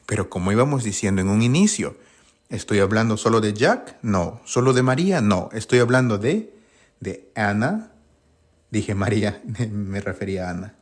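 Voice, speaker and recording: Male teacher, low husky voice, lively pitch, quizzes and answers himself. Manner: asks questions and answers them himself; sounds out English words slowly. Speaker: English teacher. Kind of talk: online grammar lesson.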